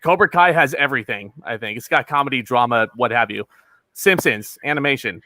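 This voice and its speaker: A man with a mid-pitched, bright, forceful voice, recorded dry and close. He deliberates out loud in casual chat, earnest and thoughtful. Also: no room sound. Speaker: draft participant.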